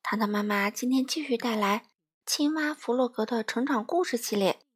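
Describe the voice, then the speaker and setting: A woman, a mother, reading a children's picture book aloud in a gentle, slow and sing-song manner. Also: fairly high pitch, husky. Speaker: storyteller, a mother.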